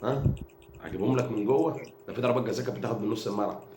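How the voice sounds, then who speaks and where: A low-voiced man with an Egyptian accent rattles through a rapid, taunting football rant, repeating his lines for effect. His voice bounces around an echoey room, and clear background noise sits under it. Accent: Egyptian Arabic. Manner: taunting, mocking rival fans; rapid, repetitive, animated delivery. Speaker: football fan vlogger. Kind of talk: fan rant to camera.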